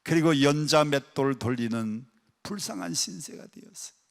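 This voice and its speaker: A pastor preaching a sermon to a congregation in a prayer retreat hall, swinging from loud, pressing peaks to soft asides and often quizzing the listeners with questions. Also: male voice, on the high side, expressive, moderate pace, gravelly. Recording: echoey hall with long reverb.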